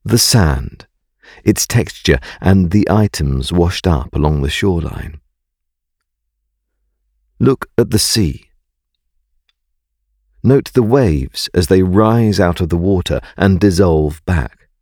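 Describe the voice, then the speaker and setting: A man narrating a scripted guided meditation in a calm, gentle, soothing and unhurried way. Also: low-pitched, dry recording, clean studio sound.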